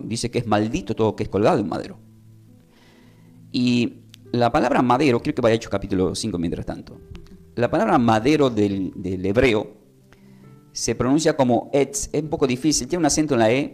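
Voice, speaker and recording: A man from Tucumán, with a mid-range, darkish voice and an Argentine Spanish accent, teaches a Bible class. He preaches in call and response, having listeners repeat his phrases and using emphatic rises.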